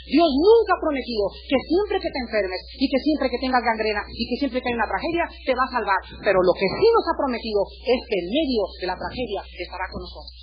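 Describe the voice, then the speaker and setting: A man with a Mexican Spanish accent preaching a sermon in church, animated and joking between serious points. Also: extremely high pitch, fairly quick, hardly any pauses, lo-fi sound, noisy background. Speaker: pastor.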